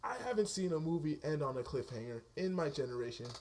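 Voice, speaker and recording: Excitable, swearing man reviewing a movie. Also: a little high, fast. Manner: excitable, profane, laughs often mid-sentence. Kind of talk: casual spoken movie review.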